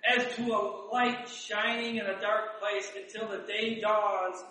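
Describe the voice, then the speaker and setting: Man, high-pitched, crisp bright voice, conversational Bible teacher, echoey room, far from the mic. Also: little pitch movement. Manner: chatty, asks rhetorical questions, reads verses slowly. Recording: roomy echo, distant mic.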